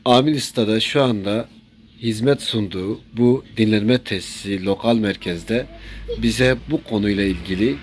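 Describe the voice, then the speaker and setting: A man's voice: fairly low pitch, moderate pace. A man presenting a local promotional video in semi-improvised narration. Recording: noisy on-location sound with ambience.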